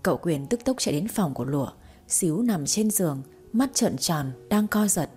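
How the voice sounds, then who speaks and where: A woman narrating a story in a steady, expressive audiobook style. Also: fairly low pitch, normal speed, husky, faint music behind.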